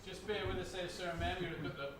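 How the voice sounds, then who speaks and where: A man's voice: high-pitched, fairly even intonation, fast. An Australian man calling a live property auction as auctioneer, coaxing bidders with chatty patter. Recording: echoey, distant, noisy live recording.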